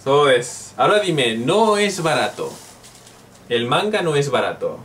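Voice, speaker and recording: A man's voice: mid-range voice, very animated, a little slow, fairly bright tone, distant mic, a little hiss or hum. A man from Spain, teaching a playful online Japanese lesson and drilling phrases aloud.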